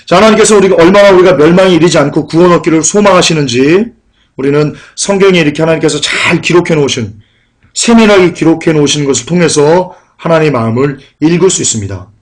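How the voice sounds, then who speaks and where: A male preacher delivering a sermon with a slightly high voice. He is emphatic and combative, and he drives his points home by repeating them. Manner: combative, denouncing.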